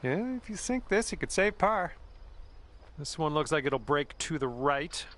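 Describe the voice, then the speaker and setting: A man's voice: on the high side, sing-song, unhurried, a bit bright. A man playing an encouraging TV golf commentator, giving casual play-by-play as in a golf video game. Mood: upbeat, encouraging.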